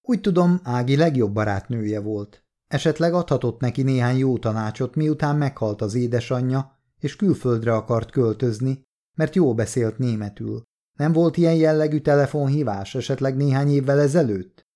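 A man reading the lines of a courteous male police detective who asks gentle, persistent questions, in an audiobook. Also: medium pitch, close to an everyday voice.

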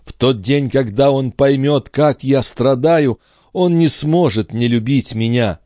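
A man's voice: mid-range voice, measured pace, dark tone, no room sound, studio quality, voice pushed up, close to an everyday voice. A man voicing an anguished queen in love in an audiobook, speaking in a breathless, pleading way. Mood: fervent. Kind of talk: audiobook character voice.

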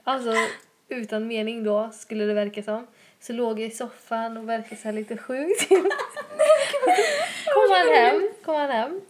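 A woman's voice: fairly high pitch, noisy background. A young woman co-hosting a podcast, telling a story in casual chat, laughing often and acting out her own reactions. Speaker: podcast co-host.

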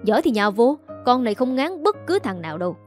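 A woman's voice: a little high, very animated, quick pace, faint music behind, voice pushed up. A woman voicing a defiant younger sister who answers back in a steely voice, in a Southern Vietnamese accent.

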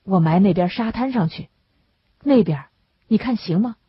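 A woman's voice: mid-range voice, lively intonation, normal speed, slightly rough, dry recording. Plain-spoken laborer man, read by a woman. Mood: coaxing. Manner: plain, colloquial, muttering asides. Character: poor laborer man, blunt then kindly. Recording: dull lo-fi dry recording.

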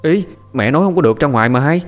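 Man playing a cheeky young village boy, excited, raised pitch, lively, storybook. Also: rapid-fire, soft background music, lightly acted. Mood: playful.

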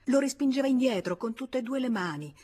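A woman narrating a classic novel as an audiobook reader, in a measured, expressive way. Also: sits high, husky. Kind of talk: literary narration.

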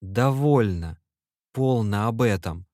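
A man's voice: lowish voice, expressive, slow pace, darkish tone, no echo, clean studio sound, voice pushed up. A man voicing a worn-out, broken young male clerk who speaks in a weak, faltering voice.

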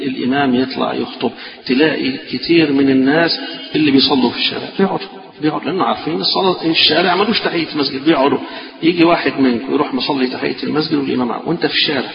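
Gravelly Egyptian sheikh in echoey hall. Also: male voice. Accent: Egyptian Arabic. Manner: scolding, with many quick restarts. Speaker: sheikh teaching a classical fiqh text. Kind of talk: mosque lesson. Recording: echoey mosque hall, dull low-fi recording with background hiss.

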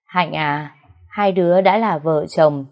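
A woman's voice: sits low, muffled recording. Woman voicing a stern old father. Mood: lecturing. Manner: firm, scolding, slow and measured. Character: stern aging father, lecturing his daughter.

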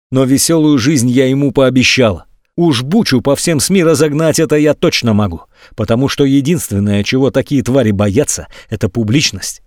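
A man's voice: medium pitch, darkish tone, dry recording, studio quality, close to an everyday voice. A man reading an audiobook, voicing a cold, blunt young woman who scolds her friend.

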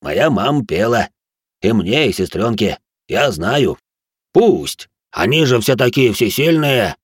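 A man's voice: mid-range voice, big pitch swings, slow, slightly rough, no echo, full character voice. A man voicing a blunt male ex-soldier who speaks in a mocking, slangy way.

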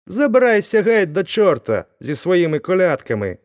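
A hot-tempered young blacksmith barks and shouts orders, his voice pushed high and loud, as a male narrator acts him out. It is a storybook part read with lively swings in pitch. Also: normal speed. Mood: angry. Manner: shouting, hostile. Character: angry burly young village blacksmith.

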